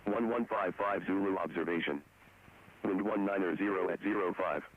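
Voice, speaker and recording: A man reading a recorded airport weather and runway broadcast over aircraft radio, in a steady, clipped, rote delivery. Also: deep voice, normal speed. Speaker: airfield information broadcast. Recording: tinny radio transmission with faint noise.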